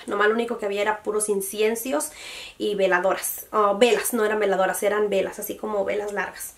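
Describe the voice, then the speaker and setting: A young woman, telling a personal story in a casual, emotional vlog and acting out what others said. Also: mid-range voice. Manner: emotional, animated retelling that quotes other people. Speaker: beauty vlogger. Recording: voice a bit far from the mic.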